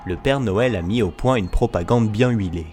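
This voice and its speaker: Over background music, a man with a lowish, slightly mellow voice narrates a satirical investigation video styled as a mock documentary. He speaks at normal speed in a grave, conspiratorial manner.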